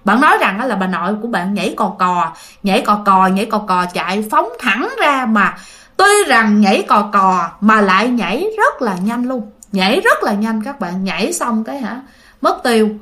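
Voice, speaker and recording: A woman's voice: mid-range voice, sing-song, moderate pace, pushed and bright. A woman with a Southern Vietnamese accent casually telling a ghost story, chatting directly to her listeners.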